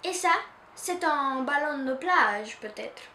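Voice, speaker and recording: A woman reading a storybook aloud, voicing an angry middle-aged Italian grocer who shouts and scolds. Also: sits high, expressive, slow, roomy sound, a little hiss or hum, full character voice. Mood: mocking. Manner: shouting, scolding, theatrical outbursts.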